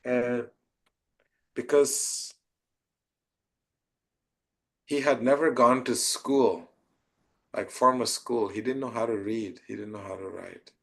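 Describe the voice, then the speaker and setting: A man, a spiritual teacher, answering a question by slowly telling a devotional story in a soft, tender way. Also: mid-range voice, fairly even intonation, vocal fry. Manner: slow, tender storytelling with soft trailing phrases.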